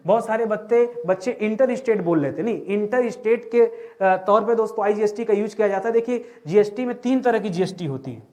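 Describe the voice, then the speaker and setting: A man's voice: sits high, darkish tone. A man teaching as an exam tutor, going through answers and repeating each question back to his listeners. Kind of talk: exam answer-key walkthrough.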